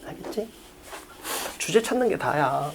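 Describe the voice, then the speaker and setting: Against background noise, a woman with a low, sing-song voice teaches exam reading questions to an English exam-prep class at an academy, keeping a measured pace. Her lecture is packed with rhetorical questions and blunt, profane insults aimed at the students.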